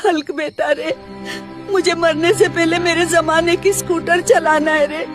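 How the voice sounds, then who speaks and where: A frail old grandmother, voiced by a performer, pleads in a very high, thin cartoon voice. Music plays under her lines. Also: steady tone, a little slow. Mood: pleading.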